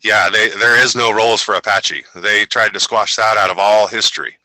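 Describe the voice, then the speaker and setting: A man in a casual roundtable chat on a video call, telling family stories in an animated way and slipping into playful voices. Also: fairly low pitch, moderate pace, no room sound, low-quality recording. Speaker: network member, roundtable guest. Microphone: video call microphone.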